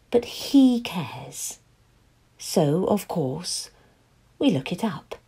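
In an intimate audio-play monologue, a woman plays a young boy's weary, wry, anxious mother, confiding in the listener and sometimes dropping into breathy, hushed tones. She uses a low voice and a full character voice.

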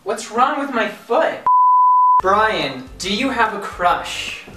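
A man's voice: high voice, very animated, slow, recorded from a distance. A young man hosting with casual, joking chat, recorded in a small bedroom from a camera a few feet away. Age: young adult. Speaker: video host. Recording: roomy, off-mic, music underneath. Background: music.

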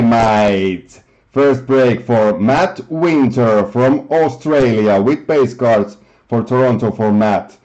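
Male host of a card break, slow and friendly, tripping over names now and then; muffled home recording. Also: mid-range voice, a little mellow. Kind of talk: casual hosting, reading out a list. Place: home apartment.

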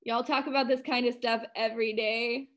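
A woman's voice: on the high side, fairly even intonation, moderate pace, lightly acted. Storybook read-aloud: a woman playing a laid-back, friendly boy. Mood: easygoing.

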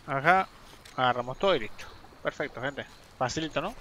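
A young Argentine game streamer chats live with his viewers as he plays, swearing and yelping when fights go badly. His mid-range voice is a little fast, pushed and bright, with slight background noise behind it.

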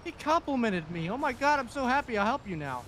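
A man's voice: extremely high pitch, big pitch swings, fairly quick, fairly bright tone, a little hiss or hum. A man joking around with friends during a driving game, needling with silly questions. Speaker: co-op gaming friend. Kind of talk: casual gaming chat.

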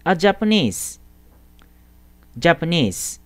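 A woman with a lowish voice gives a chatty grammar lesson for young teens. Her intonation swings widely. She stretches each English example word out slowly so the class can follow. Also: sing-song. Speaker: English teacher. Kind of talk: casual lecture to middle schoolers.

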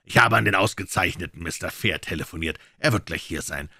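A man's voice: low voice, a little fast, sharp tone, no room sound, clean studio sound, heavily acted. A man voicing a suave, amiable and mocking male detective in a crime audiobook. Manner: smooth, amiable, ironic.

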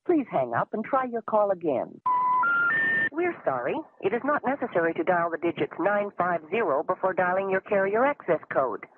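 A woman's recorded telephone intercept announcement, built from spliced-together words and read in a polite, formal manner. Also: medium pitch. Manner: polite, even, formal phrasing. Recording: tinny phone line with loud hiss.

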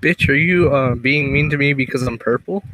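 A man's voice: mid-range voice, normal speed, pushed and bright, a little hiss or hum, poor audio. A man joking around and firing back comebacks while playing a game. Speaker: gaming partner. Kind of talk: casual gaming chat.

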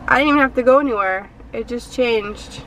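Here a young woman, a delivery driver who vlogs, talks loosely to her audience from inside her parked car between orders, rambling with plenty of "like" fillers. Her fairly bright voice sits on the high side and moves a little fast, over poor audio with slight background noise.

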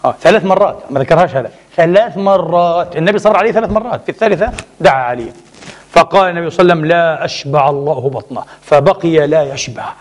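Animated, sarcastic high-voiced male preacher. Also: racing. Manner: animated, sarcastic, mixes classical and colloquial Arabic. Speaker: preacher and lecturer. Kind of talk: religious lecture.

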